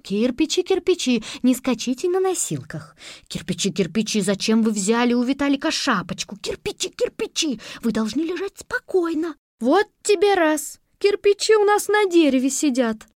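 A high, shrill kindergarten teacher, voiced by a woman reading a storybook, full of fuss and alarm. She swings her pitch about with a mock-official tone. The sound is close and dry. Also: sing-song, normal speed, darkish tone, dry recording. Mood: scolding. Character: fussy excitable female kindergarten teacher.

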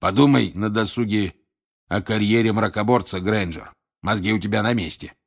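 A man doing a creaky, gruff old wizard teacher. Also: fairly low pitch, normal speed. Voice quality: creaky, gravelly. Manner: curt, grumbling. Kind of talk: audiobook character voice.

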